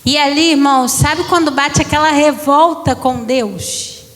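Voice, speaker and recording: Woman pastor, thirties, high voice, heartfelt testimony, long hall reverb. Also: measured pace, fairly bright tone. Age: 30s. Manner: emotional storytelling, addresses congregation. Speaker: preacher. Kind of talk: testimony sermon. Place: church hall.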